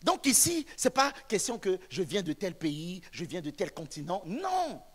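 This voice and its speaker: A man from the Central African Republic, a pastor preaching a sermon in a church, speaking emphatically and rising to shouts. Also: sits high, wildly swooping pitch, measured pace. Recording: long reverb of a church hall.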